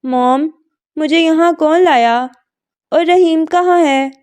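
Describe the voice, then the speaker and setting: A woman's voice: sits high, takes it slowly, darkish tone, pitched above the performer's own voice. A woman reading a novel aloud, voicing a heartbroken young woman pleading through tears. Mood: distraught. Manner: pleading, distraught. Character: grief-stricken young woman sobbing over her lost love.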